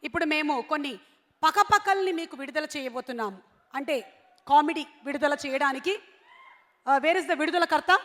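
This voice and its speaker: A woman's voice: high voice, normal speed, pauses often, fairly bright tone. A woman anchoring a stage event, announcing guests in a bubbly way and mixing in English phrases, through an echoey hall PA. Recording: echoey hall PA with faint ambience.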